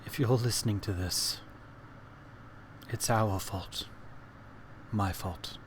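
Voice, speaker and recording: A man voicing an exhausted, guilt-ridden elderly scientist in a tabletop game, halting and laboring to speak like a weary old man. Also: fairly low pitch, a little hiss or hum. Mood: grave, exhausted. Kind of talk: acted diary recording in tabletop game.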